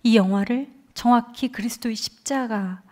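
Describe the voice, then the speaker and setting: A woman in her forties speaks into a microphone as a guest at a church revival, giving a heartfelt testimony with earnest conviction. Her fairly high voice moves at a moderate pace, and she quotes others with lively emotion as she tells her story in the sanctuary.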